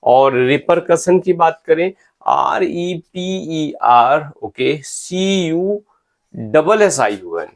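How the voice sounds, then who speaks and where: A man teaching English spelling, slowly spelling out words letter by letter and checking in with his students. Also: on the high side, lively intonation. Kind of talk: spelling lecture in Hindi mixed with English.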